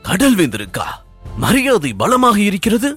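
A stern, middle-aged minister who is quick to anger and fires off sarcastic questions at his household, voiced by a male storyteller. His voice stays at an ordinary man's pitch but swings up and down a great deal, with faint music behind him. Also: very animated, husky.

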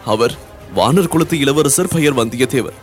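A man's voice: mid-range voice, lively intonation, normal speed, faint music behind, natural voice. A man voicing a grieving young noblewoman who pleads through sobs. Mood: pleading. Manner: sobbing, imploring.

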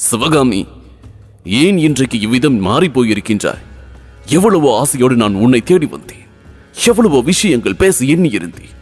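A man reading aloud voices a young crown prince who speaks briskly, teasing by turns and then pleading. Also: medium pitch, very animated, a little mellow, soft background music. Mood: chiding.

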